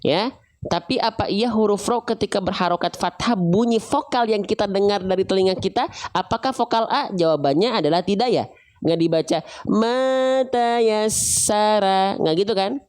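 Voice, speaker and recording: A woman teaching Quran reading to viewers. She poses questions to herself and answers them, drawing out syllables slowly to demonstrate each sound. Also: medium pitch. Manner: slow, drawn-out sound demonstrations; casual, relaxed phrasing. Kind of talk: tajwid lesson to viewers.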